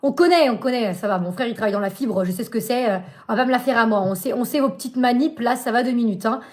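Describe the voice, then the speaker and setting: A woman's voice: fairly high pitch, quick pace. A young woman live-streaming from her bedroom, chatting casually and ranting in slangy speech, often adding a tag "hein".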